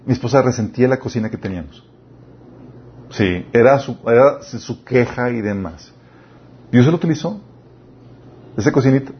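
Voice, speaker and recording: A young man with a Mexican accent, preaching a sermon to a youth group and telling stories from his own life straight to his listeners. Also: medium pitch. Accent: Mexican Spanish. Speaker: youth pastor. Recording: dull muffled recording.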